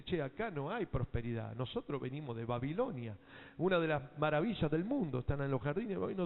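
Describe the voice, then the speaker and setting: Argentine pastor preaching in an echoing hall. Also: male voice, on the high side. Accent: Argentine Spanish. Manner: emphatic call-and-response preaching. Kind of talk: sermon. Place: church hall. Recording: tinny phone-like sound in a reverberant hall.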